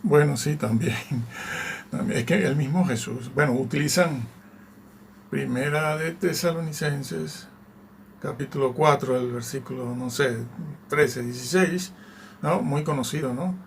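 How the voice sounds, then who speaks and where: A man's voice: on the high side, unhurried, gravelly, a little hiss or hum. A man giving conversational Bible teaching, reading scripture aloud and checking in with his listeners through frequent tag questions. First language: Spanish. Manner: reads scripture aloud and comments on it.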